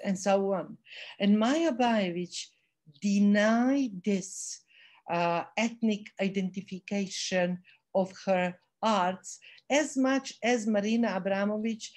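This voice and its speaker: A woman with a voice giving an online lecture over a video call. She speaks in a measured way and pauses to search for words. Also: mid-range voice, darkish tone. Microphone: computer mic on video call.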